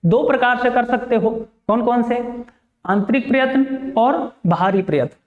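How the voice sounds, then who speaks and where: A man's voice: extremely high pitch, normal speed, echoey room, phone-quality sound. A male teacher giving a grammar lesson, reciting letters one by one and repeating his questions to the class before answering them himself.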